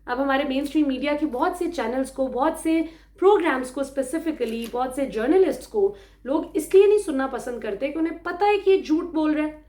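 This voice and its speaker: A woman's voice: high voice, animated, mellow, roomy sound. A woman from Pakistan giving emphatic, indignant political commentary to her viewers, often switching into English phrases.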